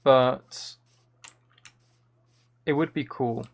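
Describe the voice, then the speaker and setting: Drawing out his words in a medium-pitched voice, a man chats casually on a gameplay stream, rambling eagerly and thinking aloud through his ideas. Keyboard clicking can be clearly heard in the background.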